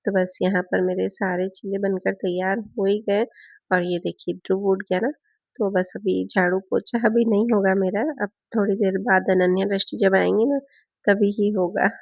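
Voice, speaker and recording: A hoarse woman from Rajasthan, India, talks through her cooking in a chatty home-vlog voice-over. Her voice has a gravelly edge and a mid-range pitch. The recording is dry and a little dull and lo-fi. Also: level tone, normal speed, dry recording. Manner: chatty, explains each cooking step. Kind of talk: casual voice-over narration.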